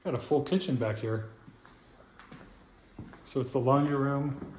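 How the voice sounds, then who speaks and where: This real estate agent's voice is medium-pitched, steady and slightly mellow, at a measured pace, as he gives a casual, upbeat walkthrough of a large empty house for sale. He points out features on the move, and the indoor rooms sound echoey with faint noise.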